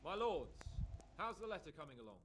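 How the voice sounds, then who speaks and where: Cocky, high-voiced young lord. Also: male voice, very animated, a little fast, fairly bright tone, slight background noise. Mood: breezy. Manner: breezy, mock-innocent. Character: cocky, breezy young medieval nobleman. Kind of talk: scripted dramatic game dialogue.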